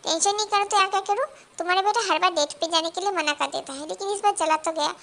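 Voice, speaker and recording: A woman voicing a worried middle-aged mother in a fan-dubbed drama, fretting and scolding loudly. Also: very high-pitched, fast. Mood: fretful. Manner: loud, fretful scolding.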